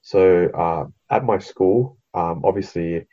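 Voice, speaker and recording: A young Australian man co-hosts a podcast in a laid-back casual chat, full of ums and offhand swearing. He has an Australian accent and a deep voice, speaks slowly, and the audio sounds dull.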